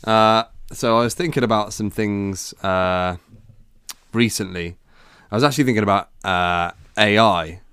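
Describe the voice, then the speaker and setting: A man's voice: fairly low pitch, a little slow, a bit bright, smooth, no echo. A man co-hosting a podcast, chatting casually in a rambling, hesitant way with many restarts. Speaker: podcast co-host. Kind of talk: casual chat.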